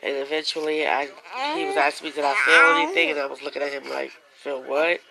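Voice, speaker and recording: Emotional young woman with a gravelly voice. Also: low-pitched, steady tone, quick pace, a crowd in the background, poor audio. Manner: emotional, fighting back tears at times. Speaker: vlogger. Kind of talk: casual storytelling to camera.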